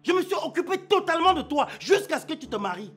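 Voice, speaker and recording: A man's voice: extremely high pitch, sing-song, fast, fairly bright tone, soft background music, exaggerated voice. A man with a Cameroonian French accent playing a stern husband who scolds and commands in a family quarrel. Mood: scolding. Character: stern middle-aged husband, head of the house. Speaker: husband defending his wife.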